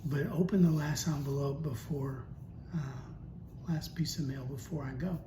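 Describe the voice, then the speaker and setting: A man's voice: a little high, normal speed, natural voice. A man voicing an easygoing older husband who goes along with his wife, in his own voice. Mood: mild. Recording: echoey room with steady noise.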